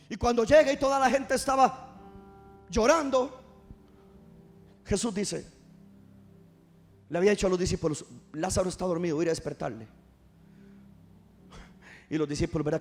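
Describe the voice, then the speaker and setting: Very high-pitched preacher. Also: male voice. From Costa Rica. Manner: impassioned preaching with rhetorical questions to the congregation. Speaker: pastor. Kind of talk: sermon. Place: church service.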